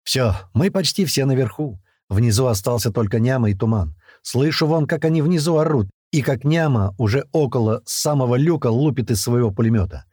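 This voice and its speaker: Husky male audiobook narrator, dry close mic. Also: a little fast, few pauses, no room sound. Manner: raises pitch and volume for shouted character lines, drops low for the narration tags. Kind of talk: first-person audiobook narration with acted dialogue.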